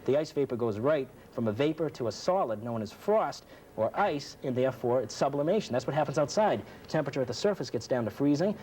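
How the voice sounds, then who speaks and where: A man's voice: medium pitch, expressive, fast talker, a little mellow. A man presenting weather live on TV with informal, folksy, chatty patter. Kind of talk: live folksy demonstration and forecast. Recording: faint background noise.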